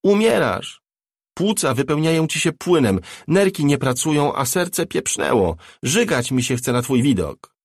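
A man voicing a furious, desperate young woman in an audiobook, his voice raised and shrill. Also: lively intonation, brisk, hardly any pauses, no echo, studio quality. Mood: screaming. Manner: shrill and screaming when angry.

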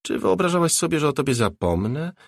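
A man reading the part of an eerie dead mother, soft, mocking and falsely tender. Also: fairly high pitch, sing-song, quick pace, vocal fry, no room sound, studio quality, pitched above the performer's own voice, full character voice. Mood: coaxing. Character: eerie dead mother, elegant, cold and coaxing.

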